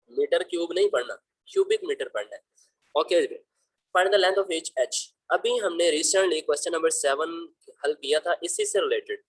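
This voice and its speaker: A slightly high male voice with a breathy edge works through school math on slides, step by step. He treats students with fatherly patience and affectionately calls them "beta." No echo is present, but the recording quality is low.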